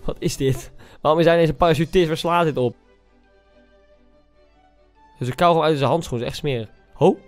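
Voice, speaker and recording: A young man giving casual reaction commentary on video clips, teasing and incredulous, full of quick exclamations. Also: a little high, faint music behind. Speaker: YouTuber.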